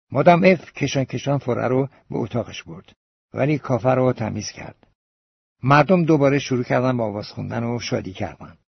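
Male audiobook narrator, steady storytelling, dry close sound, dull lo-fi. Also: mid-range voice, vocal fry, breathy edge, no echo. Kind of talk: scripted narration.

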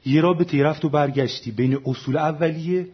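With highs cut off in the audio, a man's slightly high, husky voice comes through as he, a translator, explains his choices during an academic panel discussion. His explanations are full of self-corrections and fillers.

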